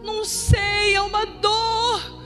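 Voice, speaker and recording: A woman's voice: very high voice, level tone, pushed and bright, faint music behind, voice pushed up, heavily acted. A woman voicing her tired, dramatic schoolgirl daughter who whines about pain. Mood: whiny. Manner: whining, drawn-out complaints.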